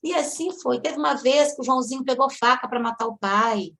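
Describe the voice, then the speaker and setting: A woman's voice: high-pitched, a little fast, fairly bright tone. A woman giving a spiritist study talk, telling a story vividly and acting out the quoted lines. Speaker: study group speaker.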